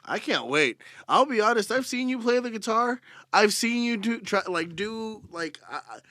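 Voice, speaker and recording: A man hosts a casual podcast with a bright, forceful tone, recorded close and dry. He is excitable and swears freely, and sometimes shouts when he gets hyped. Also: high-pitched, moderate pace, dry recording. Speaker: podcast host.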